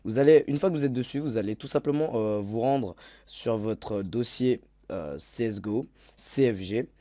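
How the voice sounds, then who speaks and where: A gaming tutorial YouTuber records a casual voice-over for a video game guide, speaking hesitantly with lots of fillers and self-corrections. His mid-range voice has a dark tone, moves at normal speed, and carries no room sound.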